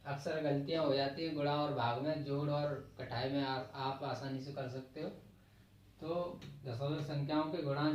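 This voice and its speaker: A man's voice: on the high side, slight background noise. A man with a Hindi accent from the Agra region teaching a math lesson in a classroom, explaining step by step and counting digits aloud. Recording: very echoey, distant, dull lo-fi room sound.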